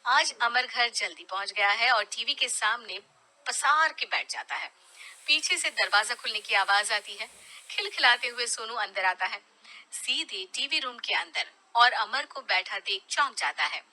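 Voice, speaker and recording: A woman narrating a cartoon story in a hushed, low-key way. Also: lively intonation, unhurried, low-quality recording.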